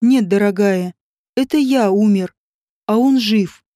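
A woman reader voicing a brooding middle-aged husband with a low, heavy, sardonic delivery. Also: takes it slowly, warm tone, dry recording, clean studio sound, natural voice. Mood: bitter, mocking.

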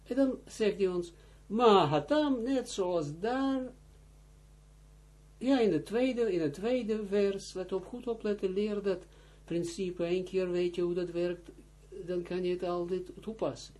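A man's voice: sits high, fairly even intonation, dark tone. A man teaching as a rabbi, reading Hebrew and Aramaic phrases aloud and explaining them in Dutch, often repeating himself and urging close attention. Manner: halting, with restarts. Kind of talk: line-by-line text study lesson.

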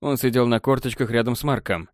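A man's voice: mid-range voice, fast, no echo. Dry-voiced male audiobook narrator. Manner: even, storytelling. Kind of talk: scripted narration.

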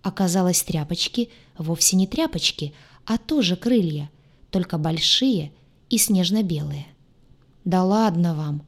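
A woman reading a first-person science fiction audiobook aloud, with a lively, ironic storytelling manner. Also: fairly low pitch, measured pace. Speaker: audiobook narrator.

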